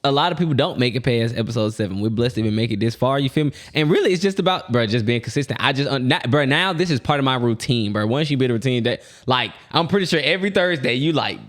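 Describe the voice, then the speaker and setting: A man co-hosting a podcast, easygoing and full of slang, who breaks into laughter often. His voice sits at an ordinary middle pitch and comes close through a headset mic. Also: lively intonation, fast, few pauses, a bit bright. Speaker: podcast co-host. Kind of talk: casual podcast chat. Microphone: headset earphones and mic.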